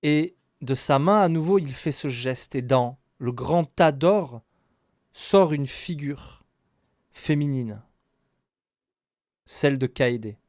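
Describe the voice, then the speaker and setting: A man narrating a tabletop role-playing game as game master, improvising dramatically with suspenseful pauses. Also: medium pitch, a little mellow, dry recording, clean studio sound.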